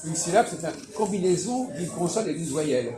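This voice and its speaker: A man hosting a café philosophy discussion in a fast-food restaurant, lecturing and quizzing his guests with some impatience. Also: on the high side, animated. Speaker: discussion host. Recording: roomy, loud background music. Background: loud music.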